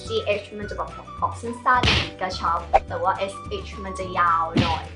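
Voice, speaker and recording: A woman's voice: fairly low pitch, measured pace. A woman from Thailand co-hosting a pronunciation lesson in a chatty, explanatory way, restarting her sentences as she goes. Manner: chatty, with frequent polite particles and restarts. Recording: roomy echo with loud background music.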